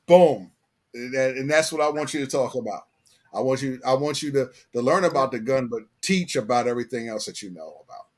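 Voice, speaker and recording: A man's voice: medium pitch, lively intonation, a little fast. An American man hosting a casual live chat, slangy and fond of repeating phrases for emphasis. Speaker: live stream host.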